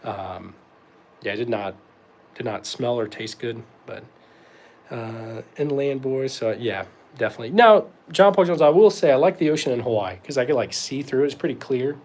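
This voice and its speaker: A man's voice: mid-range voice, expressive, moderate pace, a little mellow. A young man from North Carolina, hosting a casual livestream Q&A and answering chat in a laid-back, rambling way with lots of fillers. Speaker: host answering live chat questions.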